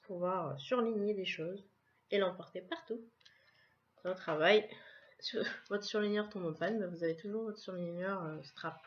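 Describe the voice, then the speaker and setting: Slow-talking woman unboxing cute items. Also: fairly low pitch, dull audio. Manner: slow, chatty, describing items one by one. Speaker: vlogger unboxing a subscription box. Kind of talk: casual unboxing vlog.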